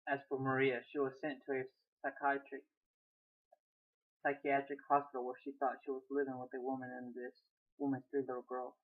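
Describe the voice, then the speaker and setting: A man's voice: mid-range voice, completely flat delivery, a little fast. A young man reading his own short story aloud, plainly, with small restarts, on a tinny phone-like recording. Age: young adult.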